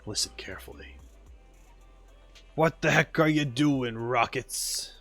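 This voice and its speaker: A man voicing a bossy robot soccer coach, sharp and scolding. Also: mid-range voice, slow, gravelly, faint music behind, pitched below the performer's own voice. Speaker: streamer reading game dialogue aloud. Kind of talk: voice acting game dialogue on stream.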